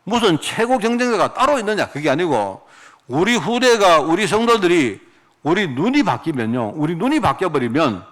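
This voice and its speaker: A middle-aged man from Daegu with a Gyeongsang accent, preaching a sermon with emphatic rhetorical questions. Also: high-pitched. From Daegu, South Korea. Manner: animated, emphatic, asks the congregation rhetorical questions. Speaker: pastor.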